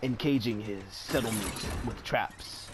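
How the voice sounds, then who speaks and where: A man voicing a solemn, awed nature documentary narrator in a deliberate, dramatic mock-wildlife commentary. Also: on the low side, background noise, pitched below the performer's own voice, lightly acted. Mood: grave, dramatic. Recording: music behind the voice.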